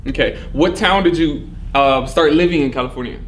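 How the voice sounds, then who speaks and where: A man's voice: on the high side, a little fast, a bit bright. A man hosting a podcast, asking questions in a loose, casual way with many fillers. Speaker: podcast host. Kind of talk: casual interview chat.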